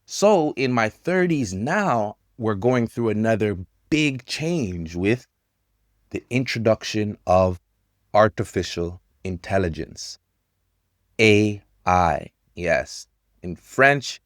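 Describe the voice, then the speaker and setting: A man in his thirties teaching English to learners, talking about technology in slow, simple sentences with pauses. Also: lowish voice, no echo, studio quality. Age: 30s.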